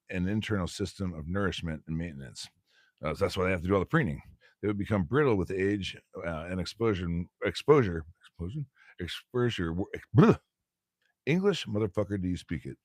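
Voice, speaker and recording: A man's voice: deep voice, lively intonation, brisk, a bit bright, no echo, clean studio sound. A man hosting a solo stream, reading a bird textbook aloud with casual, rambling commentary, laughing often and stumbling over words.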